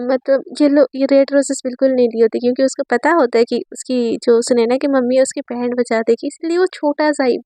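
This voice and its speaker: A woman's voice: sits high, darkish tone, dry recording. A woman telling a romance story in a chatty, rambling way, full of fillers and self-corrections. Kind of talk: casual spoken storytelling.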